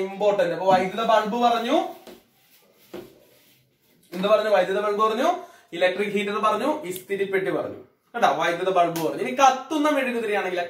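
A man's voice: high voice, recorded from a distance, a little hiss or hum. A man with a Malayalam accent teaching science to pupils, asking a question and then answering it himself, again and again. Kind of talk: classroom-style science lesson. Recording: echoey room, away from the mic.

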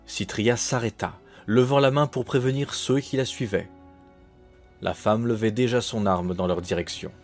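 A man reading an audiobook in a measured, dramatic narration. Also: lowish voice. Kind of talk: scripted narration.

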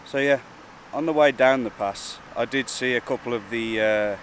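A man, talking casually and a little hesitantly to camera as a wildlife vlogger, outdoors beside rushing water. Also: mid-range voice. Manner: informal, hesitant and chatty. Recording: outdoor wind, rushing water and traffic noise.

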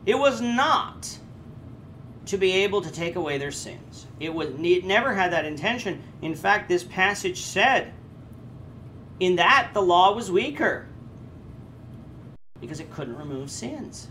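A man in his thirties leads a Bible class with an earnest, explaining manner. His pitch swings widely as he talks, and he often stops and restarts. Faint ambient hum sits behind him. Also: measured pace, long pauses. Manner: earnest, with lively rises in pitch and frequent hesitations. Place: indoors before a red curtain. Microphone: camera framed chest-up.

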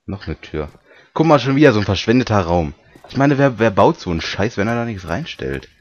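A man commenting on a horror game, joking and reading the English on-screen text aloud haltingly. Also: lowish voice, very animated, dull audio, slight background noise. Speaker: let's play commentator. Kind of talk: casual gaming commentary.

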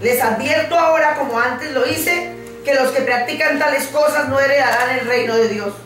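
An older woman preaching a sermon in short phrases, pausing for an interpreter, in a living room. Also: high-pitched, a bit bright. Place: living room set with framed pictures. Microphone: far camera. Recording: echoey room from far off, faint music.

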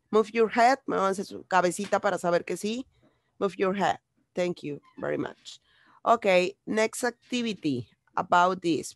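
A woman's voice: mid-range voice, no echo, studio quality. A woman teaching English to young children in an online class, patiently repeating each phrase in Spanish. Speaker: primary school English teacher.

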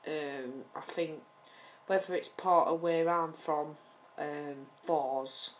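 East Midlands English woman, unhurried chatty talk, faint background hiss, home camera recording. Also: deep voice, fairly even intonation. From England. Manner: chatty, hesitant with frequent ums. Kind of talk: casual accent-tag video.

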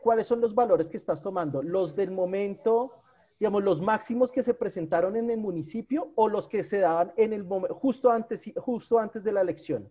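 A man's voice: high-pitched, normal speed, warm tone. A man asking questions in an online academic discussion, phrasing things hesitantly and repeating words. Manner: hesitant, careful phrasing with repetitions. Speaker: seminar participant asking questions. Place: online video call.

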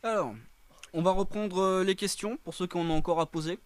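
A man's voice: high-pitched, fairly even intonation, brisk, no room sound. A man hosting a casual live stream from a room shared with friends, joking and hesitating with many fillers.

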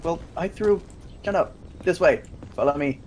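A man's voice: fairly high pitch, moderate pace, darkish tone, slight background noise. A young man chatting during a co-op war game, dry and joking, swearing when something startles him, on a headset mic. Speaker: gamer. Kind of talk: co-op gameplay chat.

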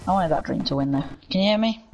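A man's voice: sits high, expressive, fast, vocal fry, darkish tone, slight background noise. A man chatting casually with a friend while gaming, his voice run through a robotic voice changer. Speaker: gamer. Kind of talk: casual gaming chat on voice call.

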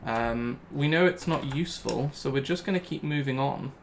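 A man's voice: mid-range voice, normal speed, vocal fry, slight background noise. A young man talking through his gameplay live, thinking aloud and repeating himself when things go wrong. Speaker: gaming channel host.

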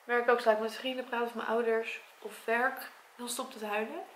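A Dutch woman in her twenties talking to her camera at her parents' home, tearful and congested from crying, in a soft, halting voice. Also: on the high side, flat delivery, echoey room, slight background noise. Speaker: vlogger and primary school teacher. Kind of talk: personal vlog talk to camera. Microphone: camera mic.

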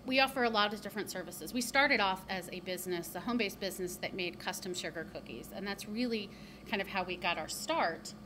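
A woman's voice: medium pitch, a little fast. A woman who co-owns a bakery, talking upbeat and chatty with many ums in an interview inside her shop. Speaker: bakery co-owner. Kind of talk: casual interview. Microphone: handheld reporter mic. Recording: noticeable background noise.

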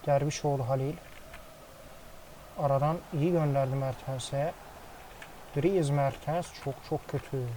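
Excitable man calling a football game. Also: medium pitch, unhurried, pauses often, a little hiss or hum, rough recording. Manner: excitable play-by-play, swears casually. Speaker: gaming commentator. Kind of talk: casual football game commentary.

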